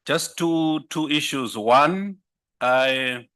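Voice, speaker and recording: A man making a polite, measured comment from the floor at a conference. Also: fairly high pitch, a bit bright, smooth. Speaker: audience member.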